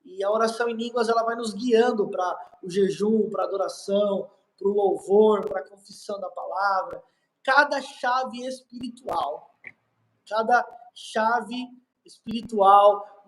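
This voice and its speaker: A man's voice: high-pitched, steady tone, measured pace, poor audio. A man with a Brazilian accent, a pastor preaching on a live stream in an emphatic, repetitive way.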